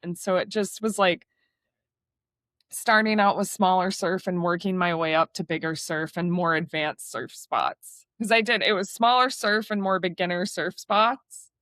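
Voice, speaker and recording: A woman's voice: fairly low pitch, fairly even intonation, unhurried, fairly bright tone, no echo, studio quality. A young adult woman, a surf and water photographer, talking as an interview guest in a casual, chatty way full of fillers.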